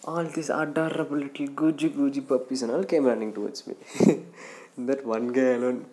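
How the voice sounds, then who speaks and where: A man with an Indian English accent telling comic stories on his vlog, animated and acting out voices. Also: mid-range voice, moderate pace. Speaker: comedy vlogger. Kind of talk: storytelling stand-up monologue.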